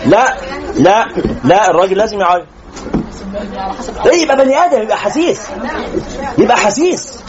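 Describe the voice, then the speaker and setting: A man's voice: sits high, animated, a little fast, long pauses, highs cut off, a crowd in the background. A man with an Egyptian accent preaching to young people, joking and teasing the audience as he tells stories. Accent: Egyptian Arabic.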